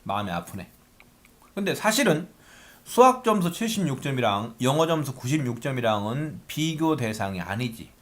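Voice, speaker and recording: Man, math teacher, lecture, animated intonation, asks and answers his own questions. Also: mid-range voice, normal speed. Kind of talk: lively lecture at a whiteboard.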